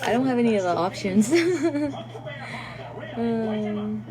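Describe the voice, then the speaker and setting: A young woman from a Guatemalan family chats casually on a phone livestream, her voice on the high side, animated and slow, with a crowd audible behind her. English isn't her first language, so she sometimes stumbles over words, and she laughs a lot.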